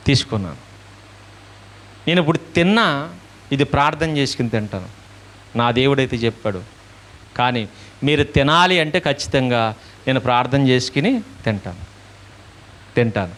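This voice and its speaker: A man's voice: mid-range voice, fairly bright tone. A male preacher giving a sermon, asking questions and answering them himself while acting out little dialogues.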